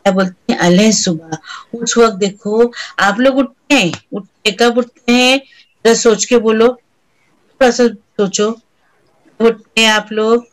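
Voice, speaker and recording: A woman's voice: a little high, fairly even intonation, takes it slowly, long pauses, low-quality recording. A woman teaching young children a rhyme, reciting it in a sing-song way and imitating the sounds of trains, birds and animals.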